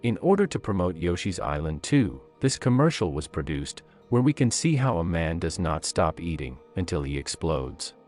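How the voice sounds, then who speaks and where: A man's voice: deep voice, sing-song, moderate pace, few pauses, darkish tone. A man reading scripted countdown narration in a documentary style. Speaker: video narrator. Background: faint-to-clear background music.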